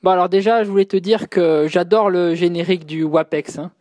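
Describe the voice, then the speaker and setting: A man leaving a recorded voice message for a podcast, chatty and hesitant with many fillers. His voice sits a bit high and sounds dry and close, with no room around it. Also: steady tone, a little fast, darkish tone, no room sound. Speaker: listener caller.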